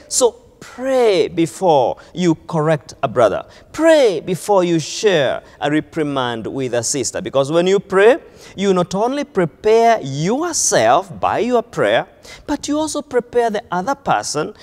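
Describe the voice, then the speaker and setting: A man's voice: fairly high pitch, a little mellow, in a large hall. A man with a Kenyan accent preaching a sermon in a church, stressing key phrases by repeating them. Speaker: pastor.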